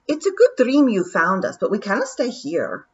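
A woman voicing a bold male pixie chieftain with a gruff Scottish accent and a blustery, commanding manner. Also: medium pitch, huge pitch swings, moderate pace, dull audio, pitched above the performer's own voice. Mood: boisterous.

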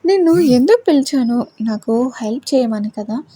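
A woman's voice: fairly high pitch, lively intonation, moderate pace, mellow, slightly rough. A woman with a Telugu accent voicing an affectionate middle-aged mother who scolds her son fondly, in a storybook reading. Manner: fond scolding. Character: loving playful middle-aged mother-in-law.

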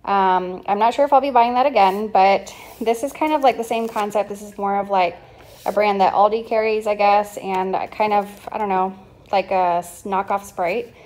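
A woman in her thirties chatting casually at home about her groceries and weekly meal plan, relaxed, with lots of ums and likes. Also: medium pitch, moderate pace. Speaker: vlogger. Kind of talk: casual grocery haul chat. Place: home kitchen.

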